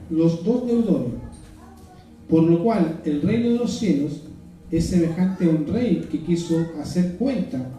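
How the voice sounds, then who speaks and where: A man preaches in a high yet very dark, mellow voice, pausing and restarting as he reads and explains scripture. He is picked up from far off in a very echoey church hall. Soft music plays faintly behind him. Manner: earnest, halting, with many restarts. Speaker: evangelist preacher. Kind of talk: sermon with scripture reading.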